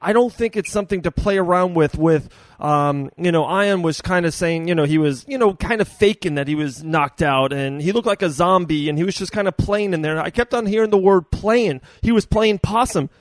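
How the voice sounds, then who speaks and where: A man with a high-set voice hosts a casual sports podcast. He talks emphatically, repeating words to drive a point home, and the sound is dry and close. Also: brisk, dry recording. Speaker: podcast host. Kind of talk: casual sports talk interview.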